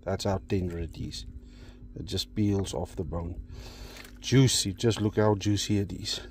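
A man's voice: low voice, steady tone, a little slow, a little mellow. A man with a southern African accent giving a casual, informal cooking demonstration as a vlog host, talking in short simple phrases. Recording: clear background noise with clicks.

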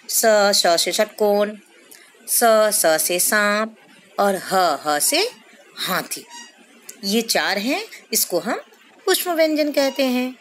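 Slow, lively-voiced woman teacher. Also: on the high side, a little hiss or hum. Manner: slow, explanatory, addresses children, drawn-out syllables. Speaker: school teacher. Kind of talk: recorded classroom lesson.

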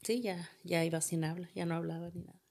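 A woman's voice: fairly low pitch, fairly even intonation, fast talker, darkish tone, a little hiss or hum. A woman, a podcast guest telling a painful personal story and retelling what everyone said. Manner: retells events with much reported dialogue.

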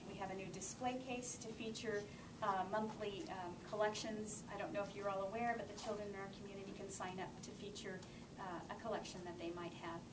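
Speaking a little fast and almost without pausing, a middle-aged library manager leads an informal tour in an indoor community room. Her voice is mid-range and steady in tone. The distant camera mic picks up an echoey space with clear noise.

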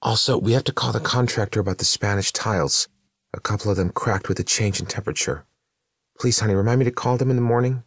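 A man's voice: lowish voice, fast talker, dry recording, studio quality, voice pushed up. A man voicing the ghost of a dead wife, pleading and needy, in an audiobook. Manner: pleading, repetitive. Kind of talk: audiobook narration.

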